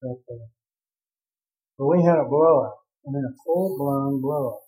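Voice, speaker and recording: A man's voice: medium pitch, measured pace, mellow, faint music behind. A man who captained a drilling ship, telling a vivid, rambling story in an oral history interview. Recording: tinny phone-like audio.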